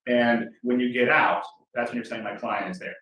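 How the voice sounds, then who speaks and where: A man's voice: medium pitch, fairly even intonation, normal speed, a bit bright, a little hiss or hum. A man cross-examining a witness as defense attorney on a courtroom recording, with a folksy, conversational manner. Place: large courtroom, indoors. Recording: echoey courtroom, far from mic.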